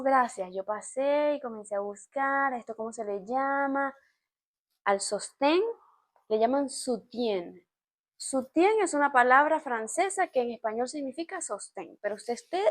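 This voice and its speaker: A woman from Venezuela with a Venezuelan accent, chatting to camera in an expressive, explaining way, with laughs. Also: high voice, normal speed. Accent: Venezuelan Spanish. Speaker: vlogger. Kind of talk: casual storytime chat to camera.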